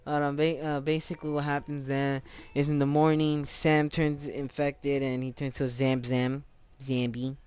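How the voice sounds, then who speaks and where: A man's voice: mid-range voice, little pitch movement, normal speed, darkish tone, clear, resonant tone. A young man casually retelling a video game's story, rambling, with many self-corrections and restarts. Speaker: gaming channel host. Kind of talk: casual game story recap.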